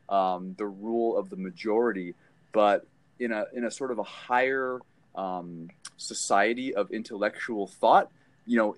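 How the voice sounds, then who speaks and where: Man, from California, podcast guest, hesitant, many ums, low voice, dry sound. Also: no echo. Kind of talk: casual discussion over a call. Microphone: phone on a call.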